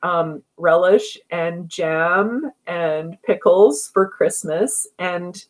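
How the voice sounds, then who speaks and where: A woman guest in a casual interview, telling stories in a chatty, animated way and laughing often. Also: lowish voice, extremely slow, low-quality recording. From Canada.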